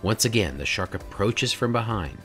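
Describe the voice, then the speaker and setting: A man in his forties, the channel's host, narrating a documentary voice-over in a measured, explanatory way with rhetorical questions. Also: fairly low pitch, lively intonation, fairly bright tone, faint music behind. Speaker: drone videographer and channel host. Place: home studio room, indoors.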